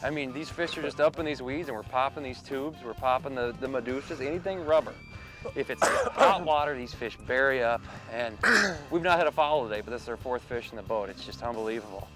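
A man's voice: mid-range voice, fairly quick, over music. A man in his thirties hosting a fishing video, explaining technique and cheering catches outdoors on a lake boat. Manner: excited on-the-water banter. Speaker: fishing show host.

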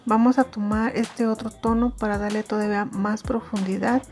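A woman's voice: medium pitch, fairly even intonation, normal speed, darkish tone, faint music behind. A woman doing a casual makeup tutorial, chatty and hesitant, with many fillers. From Mexico. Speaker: beauty vlogger.

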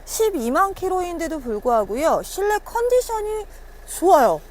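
A woman's voice: very high voice, very animated, moderate pace. A woman car dealer doing a casual, chatty sales walkaround, persuasively addressing her customers. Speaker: used-car dealer presenting a car. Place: on location outside and inside a car.

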